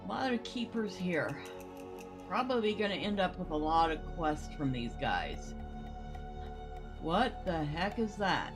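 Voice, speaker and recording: A woman's voice: on the low side, big pitch swings, unhurried, long pauses, music in the background. A woman streaming a game, chatting casually and answering her viewers between exclamations. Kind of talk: casual live-stream commentary.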